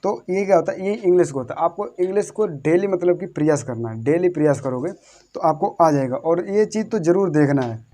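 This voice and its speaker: Guy teaching a lesson, kinda high voice, keeps asking and answering himself, spells words slowly. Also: lively intonation, warm tone. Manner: repetitive, asks the viewers questions and answers them himself. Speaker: English teacher. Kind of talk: classroom-style lesson.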